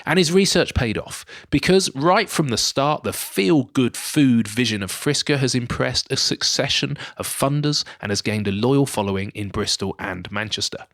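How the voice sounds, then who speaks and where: A man's voice: medium pitch, lively intonation, moderate pace, hardly any pauses, reverberant. A man hosting a podcast, reading his intro and then teasing his guest in a small room. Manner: warm, jokey, teasing interviewer. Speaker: podcast host. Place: small room in an office building.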